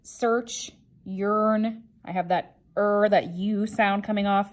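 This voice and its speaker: A woman teaching a word lesson to children like a kids show host, asking questions and pronouncing example words with deliberate emphasis. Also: mid-range voice, steady tone. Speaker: teacher hosting a word sort lesson video. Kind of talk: scripted-feeling instructional demonstration for children.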